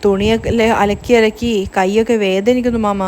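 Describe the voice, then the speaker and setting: A woman's voice: mid-range voice, steady tone, fairly quick, a little mellow, slight background noise, natural voice. A woman reading the lines of a scheming, bossy young woman in a serial recap, in a commanding tone.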